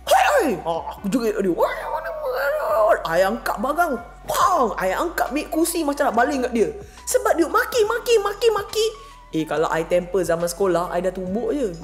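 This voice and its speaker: A married woman vlogging, telling a casual story with lively acted-out quotes and English words mixed in. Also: fairly quick, soft background music. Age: adult, married. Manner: animated, acts out quotes with big pitch jumps, mixes English in.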